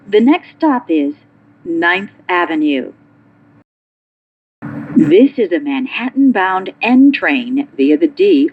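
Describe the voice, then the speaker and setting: A woman's voice: lowish voice, a little hiss or hum. A woman reading formulaic, clipped train announcements over a muffled subway speaker.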